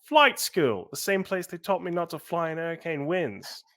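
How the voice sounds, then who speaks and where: A man's voice: a little high, sing-song, normal speed, a bit bright, voice pushed up. A man putting on the voice of a snarky female dropship pilot in a raised, mock-feminine tone. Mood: sarcastic.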